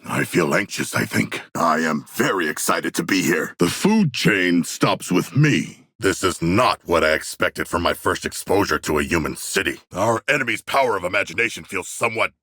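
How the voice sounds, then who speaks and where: An actor playing a proud, earnest shark demigod in a video game, speaking in formal, stately, grandiose phrases. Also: male voice, sits low, animated, moderate pace, few pauses, bright, forceful tone, dry recording, studio quality, full character voice. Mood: calm, earnest. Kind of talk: video game character voice lines.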